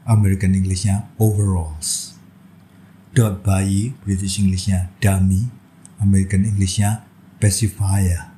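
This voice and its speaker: A man teaching a vocabulary lesson, reading out word pairs one after another in a slow, steady, patient way. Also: low voice, slight background noise, rough recording. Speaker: English teacher.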